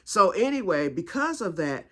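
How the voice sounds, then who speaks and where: A woman's voice: lowish voice, very animated, normal speed, sharp tone. A woman vlogger chatting casually about her crochet project, drifting into family stories as she goes. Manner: rambling, digressive storytelling. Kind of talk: casual chat.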